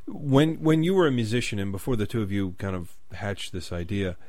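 A man's voice: fairly low pitch, fairly quick, darkish tone, no echo. A man from the United States interviewing a musician, asking long, rambling questions full of fillers and restarts.

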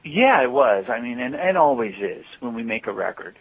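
Over a tinny phone line, a man who sings and plays guitar in a band answers interview questions at length. His medium-pitched voice swings widely in pitch at a normal speed, and he comes across as thoughtful, rambling and often restarting his sentences.

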